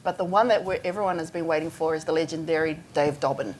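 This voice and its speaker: Chatty Australian woman with a low voice. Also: fast talker, darkish tone, a little hiss or hum. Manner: chatty and upbeat, eager agreement. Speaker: music news presenter. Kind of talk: casual studio chat.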